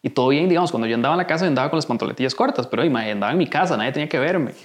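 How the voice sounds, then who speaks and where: A man's voice: mid-range voice, expressive, rapid-fire. A young man with a Costa Rican accent, rambling through a casual anecdote on a podcast, packing his talk with filler words. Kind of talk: casual storytelling chat.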